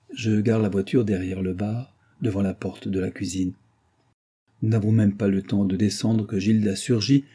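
A man reading a first-person crime novel aloud in a dry, wry, measured way. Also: lowish voice, mellow, breathy edge. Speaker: audiobook narrator.

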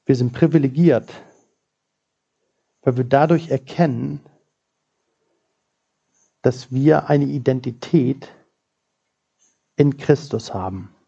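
A man's voice: medium pitch, takes it slowly, creaky, pauses often, dark tone, slightly rough, dull audio. A man preaching a sermon in church, telling a personal story with earnest quoted prayers.

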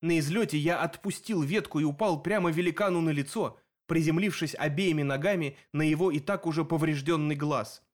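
A man narrates a first-person adventure audiobook with steady, vivid storytelling. His voice sits slightly above the usual male range. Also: on the high side, a little fast, few pauses.

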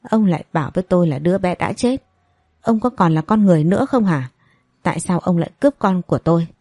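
A woman's voice: fairly low pitch, mellow, no room sound, clean studio sound. A woman playing a furious grieving mother. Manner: accusing, reproachful. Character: grieving, furious older mother confronting a man.

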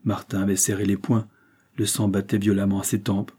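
Husky, dark-voiced male narrator. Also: on the low side, monotone, fairly quick. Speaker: audiobook narrator. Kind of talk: scripted novel narration.

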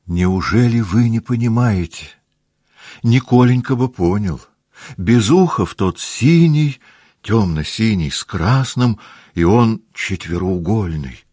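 A man reading an audiobook, voicing a lively, stubborn teenage girl who talks in an excited, teasing, insistent way. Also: lowish voice, slow pace, husky, no room sound, clean studio sound, voice pushed up, exaggerated voice. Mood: dreamy. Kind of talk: audiobook character voice.

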